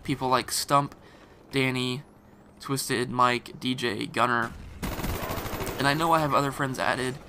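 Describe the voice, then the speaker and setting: A gaming commentator with a scratchy, irritated throat talks at a measured pace in a medium-pitched, fairly even voice. His casual voice-over rambles, with many fillers and restarts, and is mixed over loud game gunfire and explosions.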